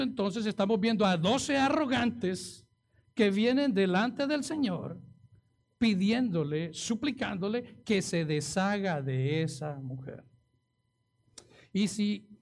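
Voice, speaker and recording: A male preacher delivers a sermon with a high, gravelly voice. He acts out the cries of the people in the story with drama. He keeps turning to the listeners with rhetorical questions. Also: darkish tone.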